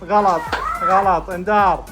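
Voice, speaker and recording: A woman running a family game, giving brisk orders and often laughing. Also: lowish voice, fairly even intonation, fairly bright tone, soft background music. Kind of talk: casual family game calling.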